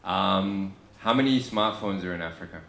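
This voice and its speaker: A man with an Australian accent speaking on a conference panel, relaxed and halting with many ums and restarts. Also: low voice. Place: conference room. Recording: echoey conference room with faint ambience.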